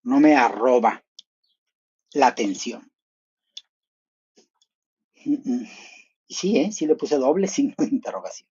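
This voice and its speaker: A man chats through a live reaction stream, his voice a little husky and breathy. He sounds gossipy and playful, musing aloud and jumping up into bursts of excitement. The audio is slightly dull and lo-fi. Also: a little slow, long pauses. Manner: gossipy, playful, thinking aloud with sudden high exclamations.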